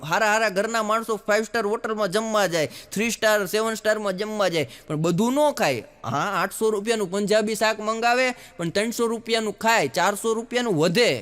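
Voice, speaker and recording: A man tells folksy comic stories on stage, slipping into dialogue as he goes. His voice sits a little high, and it rings with the long reverb of a big hall. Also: a bit bright, clean tone. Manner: folksy storytelling, acts out dialogue. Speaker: stand-up comedian. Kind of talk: live stand-up storytelling.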